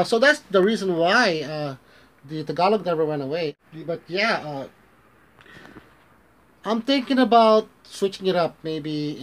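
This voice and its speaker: In a small bedroom, a vlogger in his thirties speaks into a phone camera at arm's length, and the recording is rough. Born in the Philippines but raised in the United States, he has an American accent and a fairly high voice, and he rambles, restarts, and drops in Tagalog phrases.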